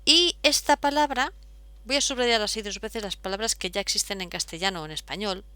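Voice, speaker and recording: A woman's voice: medium pitch, fast talker, sharp tone, clear, resonant tone, dry recording. A woman, explaining step by step as a teacher, patient, with frequent fillers. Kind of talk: explaining at a whiteboard.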